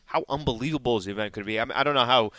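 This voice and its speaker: Male sports talk co-host, bright edgy voice, dry close sound, loose rambling banter. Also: medium pitch, rapid-fire, no room sound. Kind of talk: casual banter.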